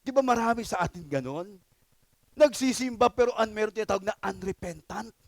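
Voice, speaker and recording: Man, pastor, sermon, very high voice, dry close sound. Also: lively intonation, fairly quick, dry recording. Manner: emphatic, checks in with the congregation often.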